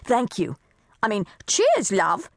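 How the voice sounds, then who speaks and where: A woman's voice: on the high side, huge pitch swings, slow pace, no room sound, clean studio sound, voice pushed up, heavily acted. A woman voicing a witty, nervous pregnant housewife who teases with wisecracks. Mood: teasing. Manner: wisecracking, teasing.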